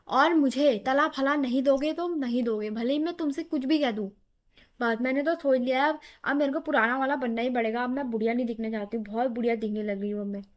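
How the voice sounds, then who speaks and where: A woman's voice: sits high, lightly acted. A woman playing a rambling, complaining elderly village mother-in-law, in a comedy sketch. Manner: rambling, complaining, drawn-out delivery.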